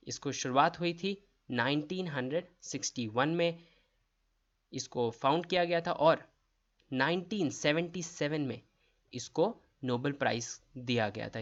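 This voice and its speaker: A man's voice: a little high, lo-fi sound. Man teaching exam quiz questions. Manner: reads each question and its options aloud, then explains the answer. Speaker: quiz tutor. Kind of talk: exam-prep quiz lesson.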